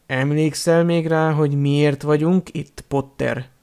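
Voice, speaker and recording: A man voicing a cold, sneering male potions teacher in an audiobook, speaking slowly in a hushed, menacing tone. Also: a little high, fairly even intonation, smooth, natural voice. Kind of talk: audiobook character reading.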